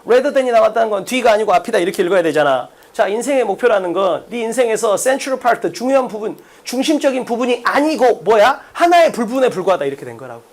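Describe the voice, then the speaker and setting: Talking fast with few pauses, this man lectures on exam English at a blackboard in a blunt, brash manner, peppering students with rhetorical questions. He is an English test-prep lecturer with a high voice and big pitch swings.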